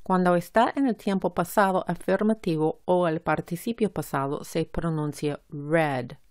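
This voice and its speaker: A woman teaching English pronunciation, saying each word slowly and clearly in a careful instructional style. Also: on the low side, a little mellow, no echo, clean studio sound.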